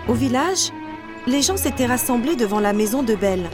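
A woman narrating a children's storybook in a steady read-aloud delivery. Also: on the high side, moderate pace. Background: background music.

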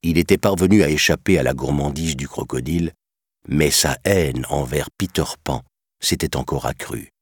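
Deep, husky man reading a story. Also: no echo, clean studio sound. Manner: expressive, measured storytelling. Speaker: narrator.

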